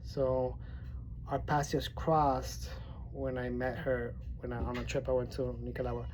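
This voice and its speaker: A poetry vlogger from Miami, Florida, who has a mild speech impediment, chats casually and rambles, with many restarts and fillers. His mid-range voice is flat and a little slow, and there's a noisy background.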